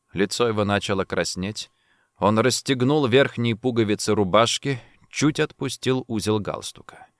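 A man narrating a thriller audiobook in an expressive storytelling manner. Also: on the low side, dry recording, clean studio sound.

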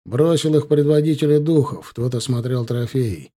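A man narrating a story in a steady, dramatic way, as in an audiobook. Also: medium pitch, moderate pace.

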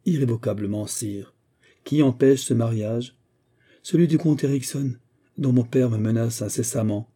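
A man reading aloud voices a proud, scornful young noblewoman, raising his voice higher and sharper for her haughty, indignant replies. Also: moderate pace, warm tone, slightly rough, close to an everyday voice. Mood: earnest.

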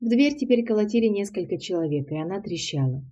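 A woman reading a first-person novel aloud, steady and matter-of-fact. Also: medium pitch, fast. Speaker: audiobook narrator. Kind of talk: first-person audiobook narration.

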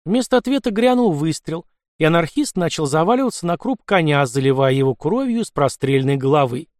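A male narrator reads an audiobook in a steady storytelling voice. His pitch sits a little above average for a man. The recording is dry and close, with no echo. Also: a little fast.

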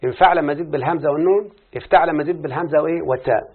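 A man with an Egyptian accent teaching a grammar lesson, quizzing students and repeating word patterns slowly. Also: fairly high pitch, husky. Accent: Egyptian Arabic. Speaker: teacher of Arabic morphology. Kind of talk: classroom lesson with student responses. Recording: tinny phone-like lo-fi recording.

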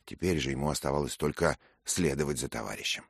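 A man reading an adventure novel aloud in steady, measured scripted narration. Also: a bass voice, gravelly, breathy edge, dry recording, clean studio sound. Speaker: audiobook reader.

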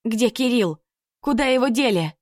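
A woman's voice: a little high, unhurried, no room sound, studio quality, pitched above the performer's own voice, natural voice. A woman voicing a desperate tearful captive. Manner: pleading, tearful.

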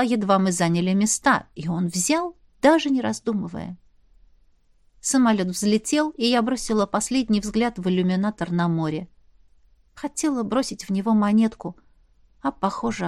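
A woman narrating an audiobook in the first person, soft-spoken, dropping to a hush for some of her own replies. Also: mid-range voice, lively intonation, normal speed, no echo, studio quality.

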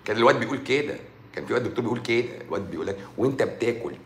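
A man's voice: mid-range voice, lively intonation, racing, slight background noise. A man with an Egyptian Arabic accent, a doctor hosting a livestream, talking in a sarcastic, scolding way. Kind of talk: casual livestream rant. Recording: roomy echo.

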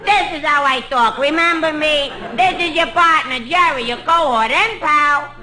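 Male comedian, squeaky high voice, whiny kid-like delivery, old-time radio comedy. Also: moderate pace, heavy background noise. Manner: shrill, whiny, childlike. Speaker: comedian, co-host.

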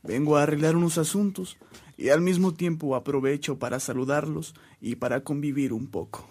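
A man's voice: a little high, fairly even intonation, moderate pace, dark tone. An actor playing a polite, dignified visiting churchman in a radio drama, speaking with formal courtesy. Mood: courteous, pleased.

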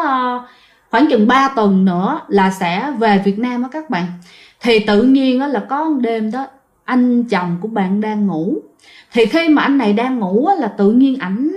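Chatty Southern Vietnamese woman telling ghost stories. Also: high-pitched. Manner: chatty, addresses listeners directly, frequent fillers. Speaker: ghost story narrator. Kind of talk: casual spoken storytelling.

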